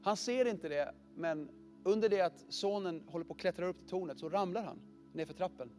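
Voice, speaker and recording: A man with a notably high voice preaches an earnest storytelling sermon. He often sinks into a hushed, heavy tone as he speaks. Faint music plays softly under his words.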